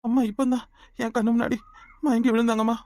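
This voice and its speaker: A woman plays a harried village husband in a cartoon, talking fast and bluntly in a Kanyakumari Tamil accent. The sound is dry and close. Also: on the high side, flat delivery, dark tone, no room sound, natural voice. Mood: alarmed.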